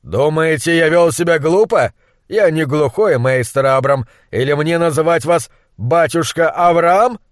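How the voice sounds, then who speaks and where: Мужчина читает язвительного учёного-монстролога. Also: male voice, fairly high pitch, unhurried, dry recording, studio quality, lightly acted. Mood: scornful. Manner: acid, sardonic. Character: brilliant bitter male monster scientist, sarcastic.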